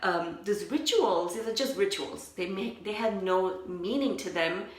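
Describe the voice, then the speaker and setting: Speaking a little slowly in a medium-pitched voice, a woman who works as a spiritual coach answers viewers during a casual livestream. Her manner is chatty and reflective, full of "like," and the recording carries an echoey room sound.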